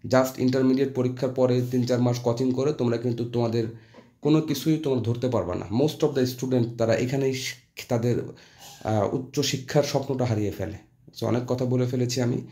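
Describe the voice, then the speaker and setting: Mellow-voiced man teaching English. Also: mid-range voice, fairly even intonation. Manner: mixes Bengali and English, reads sentences slowly and explains. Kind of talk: online grammar lesson.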